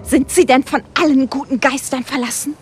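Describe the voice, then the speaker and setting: A woman's voice: high-pitched, fairly even intonation, normal speed, slightly rough, voice pushed up. Woman doing a furious hot-tempered man.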